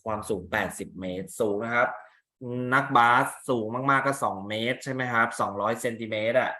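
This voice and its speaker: A man's voice: medium pitch, brisk, pushed and bright. Chatty Thai male English teacher. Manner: chatty, asks students rhetorical questions. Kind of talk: explaining a reading exam. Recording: echoey room.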